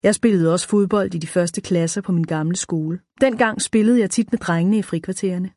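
A woman reading a first-person children's story aloud, in a clear, even storytelling way. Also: fairly low pitch, no echo, studio quality. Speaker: audiobook narrator.

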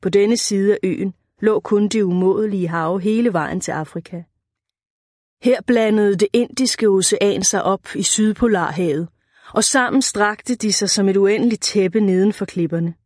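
A woman reads an audiobook at a steady, measured pace, her pitch sitting in the middle range for a female voice. The recording is close and dry, with no room sound or echo at all.

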